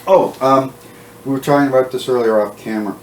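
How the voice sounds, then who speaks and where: A man's voice: mid-range voice, steady tone, brisk, a little hiss or hum. A man acting as interviewer, asking questions and adding comments in casual conversation. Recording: roomy, distant mic.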